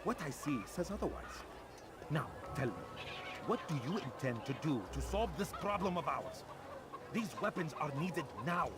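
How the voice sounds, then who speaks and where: Video game villain, male actor: domineering merchant tyrant, contemptuous and quick to rage, over prominent music. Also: fairly high pitch, lively intonation, natural voice. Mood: cold scorn. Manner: scornful, domineering, theatrical. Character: cruel, menacing male arms dealer, quick to rage. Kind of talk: dramatic video game acting.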